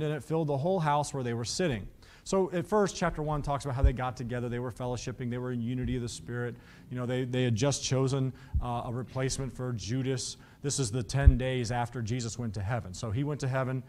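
On a studio stage with painted backdrops, a man in his thirties preaches a Bible teaching, reading verses aloud and putting rhetorical questions to listeners. His voice is fairly high-pitched with a darkish tone.

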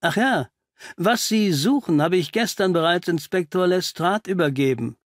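Sherlock Holmes, a man doing a higher, cheerful voice. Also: animated, normal speed, dry recording, studio quality. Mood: cheerfully triumphant. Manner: teasing, cryptic, self-assured. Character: confident cheerful male detective, dry and cryptic. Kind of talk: audiobook character voice.

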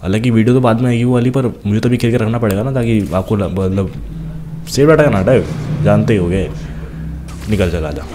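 Young man, game commentator, lowish voice, fast teasing chatter, faint background hiss. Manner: chatty, teasing enemies, talks fast while playing. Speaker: gameplay commentator.

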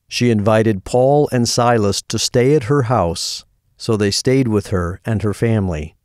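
A man reading a Bible story aloud in a calm, even storytelling manner as a scripted narration. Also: mid-range voice, no room sound, studio quality.

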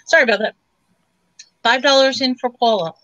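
A woman's voice: sits high, normal speed, a bit bright, no echo, lo-fi sound. A woman running a casual live-stream auction, describing items in a chatty, loose way full of fillers. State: throat tickling, coughing.

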